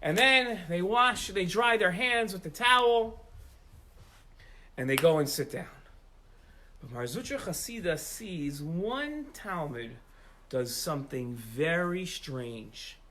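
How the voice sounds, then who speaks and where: A man telling a story to children with animated, emphatic delivery, outdoors in the rain. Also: high voice, slow, a little hiss or hum, rough recording.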